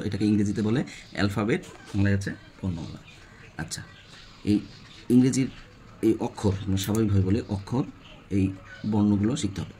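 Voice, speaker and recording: A Bangladeshi man with a lowish voice who teaches English letter by letter. He asks his class questions and answers them himself, checking in with a quick "yes?" as he goes. Faint background noise hums under the recording. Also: warm tone. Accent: Bangladeshi Bengali. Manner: repeats questions to the class, frequent "হ্যাঁ?" checks. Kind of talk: spoken English lesson.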